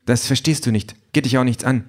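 A man's voice: medium pitch, steady tone, a little fast, pitched above the performer's own voice, natural voice. A man voicing a bitter, defiant young mother who is walking out on her husband, with a scornful, cutting way of speaking.

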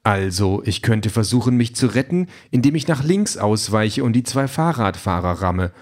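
A man voicing an overeager, talkative male self-driving car that lectures in a bright, chatty way, reading an audiobook. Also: lowish voice, animated, moderate pace, lightly acted. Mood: lecturing. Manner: brightly chatty, lecturing, flares into furious shouting.

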